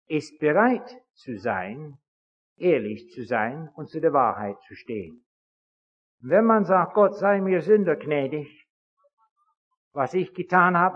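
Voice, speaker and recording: A man giving a religious lecture to an audience, telling stories with lively acted-out dialogue. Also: a little high. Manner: animated storytelling that acts out dialogue. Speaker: speaker addressing an audience. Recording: dull, lo-fi recording in an echoing hall.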